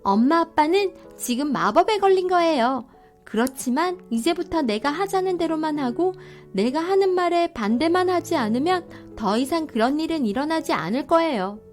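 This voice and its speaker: A cheeky young child who has suddenly taken charge, as a woman narrator puts the child on. The voice is pitched high and clear, cool and bossy. Soft music plays faintly behind. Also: lively intonation, moderate pace. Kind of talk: storybook voice acting.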